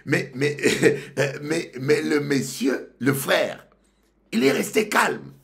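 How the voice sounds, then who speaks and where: A male pastor from Congo, preaching a sermon that swings from loud outbursts to low murmurs. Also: sing-song, takes it slowly, vocal fry.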